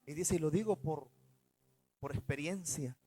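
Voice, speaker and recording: High-voiced pastor preaching. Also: male voice, measured pace, slightly rough, soft background music, poor audio. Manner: preaching with dramatic swings in loudness and pitch; retells stories in quoted first-person testimony. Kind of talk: sermon.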